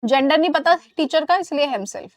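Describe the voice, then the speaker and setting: A woman English teacher giving a live online class, explaining in Hindi and reading English examples slowly, often checking that students follow. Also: high-pitched, animated, dry recording. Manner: asks students questions and checks understanding.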